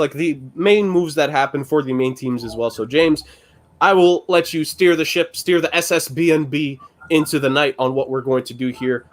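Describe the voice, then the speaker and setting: Upbeat man co-hosting a sports podcast. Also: a little high. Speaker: podcast co-host. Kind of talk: casual sports podcast chat.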